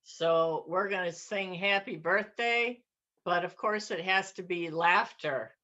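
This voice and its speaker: A woman's voice: lowish voice, takes it slowly, pushed and bright, lo-fi sound. A woman in her sixties leading an online laughter yoga class. She is playful and cheery, and she laughs and cheers often.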